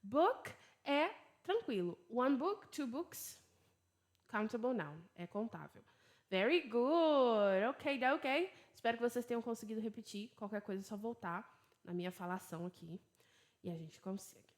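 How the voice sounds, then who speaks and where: A Brazilian woman teaching English online from her laptop, with American-leaning English and Portuguese as her first language. She drills words slowly, then explains in quick, chatty Portuguese and laughs at her own slips. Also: a little high, animated.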